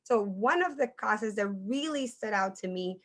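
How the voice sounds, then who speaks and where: A woman's voice: mid-range voice, expressive, measured pace. A woman in her thirties, born in Colombia with Spanish as her first language, giving an earnest personal talk to teens as a math professor and often checking in with "right?". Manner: earnest, warm storytelling with frequent "right?" tags. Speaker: guest speaker, math professor.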